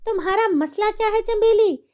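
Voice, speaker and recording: Woman doing a shrill, bossy rich mistress. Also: normal speed, mellow. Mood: scolding. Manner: scolding, bossy.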